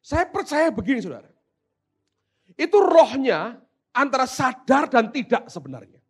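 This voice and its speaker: A male pastor preaching a sermon. He switches between hushed asides and loud, dramatic exclamations. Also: extremely high pitch, sing-song, moderate pace, husky.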